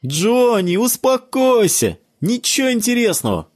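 Man doing a shrill ten-year-old boy. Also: very animated, measured pace, heavily acted. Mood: scolding. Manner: shrill, shouting. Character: squeaky-voiced boy of ten, indignant.

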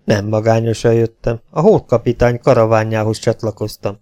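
A man's voice: fairly low pitch, little pitch movement, dark tone, close to an everyday voice. A man reading an audiobook, voicing a tall, well-fed rider who sounds uneasy and puzzled. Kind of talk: audiobook character voice.

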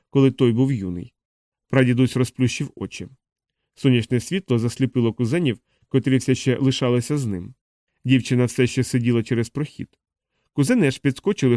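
A man reads an audiobook in an expressive storytelling manner, his pitch at an ordinary middle range. The sound is close and dry with no room around it. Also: brisk, dry recording. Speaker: audiobook narrator. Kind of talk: scripted narration.

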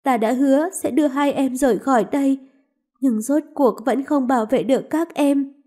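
Woman reads a young princess, proud, impassioned, high-pitched. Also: moderate pace, mellow, close to an everyday voice. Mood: anguished. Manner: impassioned, pleading.

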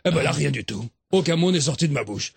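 A man telling a crude story in a deadpan, confessional way on a morning radio comedy show. His voice is gravelly and husky and his pitch moves a lot. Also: fast, no room sound.

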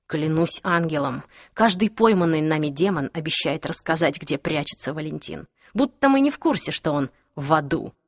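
A woman's voice: sits low, no echo, studio quality, voice pushed down. A woman voicing a cold, cocky young demon hunter. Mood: menacing. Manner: slow, calm, menacing. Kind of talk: audiobook character voice.

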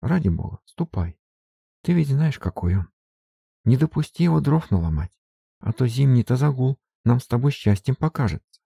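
A man voicing a young lady singer who speaks softly but firmly. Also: mid-range voice, big pitch swings, moderate pace, creaky, husky, dry recording, clean studio sound, pitched above the performer's own voice, exaggerated voice. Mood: tender.

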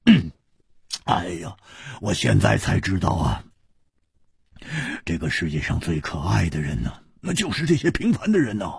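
A man voicing a bluff, hard-drinking male swordsman who huffs and exclaims loudly, with a husky voice. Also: low-pitched, very animated, moderate pace, long pauses, dry recording, studio quality, full character voice. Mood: musing. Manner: grumbling huffs and loud exclamations.

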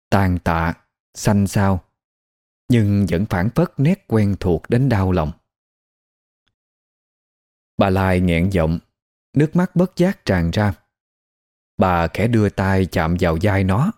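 Deep-voiced man narrating. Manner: expressive, lively storytelling. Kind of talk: storytelling narration. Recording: faint background music.

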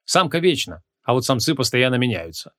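A man's voice: medium pitch, sing-song, fairly quick, a bit bright. A man reading the part of a stern, short-tempered male archmage in an audiobook, with commanding, curt questions.

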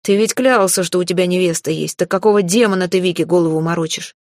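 A woman's voice: fairly low pitch, quick pace, no room sound, clean studio sound, close to an everyday voice. Woman voicing a hot-tempered blond mage. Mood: furious. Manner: shouting, indignant and blustering.

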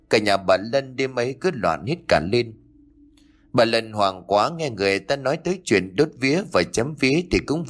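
A man narrating a ghost story expressively. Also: medium pitch.

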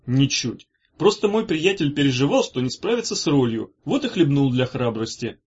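A cheerful, mischievous young man teases his sister in an easygoing, playful voice, as a man reads him. The tone is lively and a little husky. The storybook recording sounds dull and lo-fi. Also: medium pitch, moderate pace. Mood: amused. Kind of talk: audiobook character voice.

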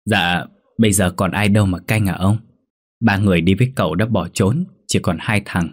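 A man's voice: low voice, moderate pace, slightly rough. A man voicing a fearful, deferential older steward who speaks hesitantly and humbly.

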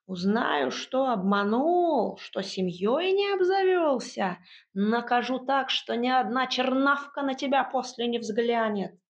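A woman reading an audiobook performs a spiteful old witch who creaks and sneers, pitched high above a plain speaking voice. She mocks and scolds, stretching her words out slowly, and the recording sounds dull and lo-fi. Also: heavily acted. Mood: stern. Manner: mocking and scolding.

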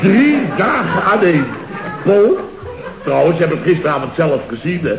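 An actor playing a chatty, boastful boss of a construction firm in a 1960s radio comedy, talking in rambling, jovial asides. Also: male voice, a little high, very animated, normal speed, background noise. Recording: dull, roomy old radio recording.

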